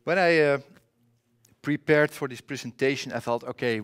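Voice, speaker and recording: A middle-aged man from the Netherlands with a Dutch accent, giving a casual conference presentation on a presentation mic, often pausing with filler sounds and restarts. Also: mid-range voice, smooth. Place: conference room.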